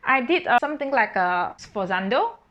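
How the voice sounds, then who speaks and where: A fairly high, bright, very animated woman's voice, moving at a moderate pace, explains in a casual way how she, as a singer-composer, created her piece. She thinks aloud, correcting herself and using fillers, and bursts into sung solfège. The audio sounds dull.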